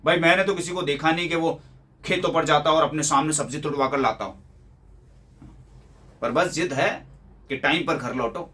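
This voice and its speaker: A man's voice: fairly high pitch, moderate pace, long pauses, pushed and bright. A man acting a young office-worker son in a theatrical monologue, complaining with sarcastic rhetorical questions. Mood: exasperated. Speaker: actor performing a monologue.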